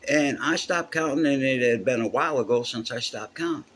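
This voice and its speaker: A man's voice: mid-range voice, brisk, fairly bright tone, slight background noise. A man, a musician telling a heartfelt, profane story in a casual way.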